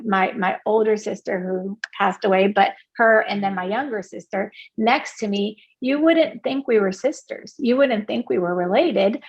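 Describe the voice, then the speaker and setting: A woman from Puerto Rico, a guest in a candid interview, talks earnestly with many restarts and fillers. Her voice is medium-pitched, and the audio sounds dull.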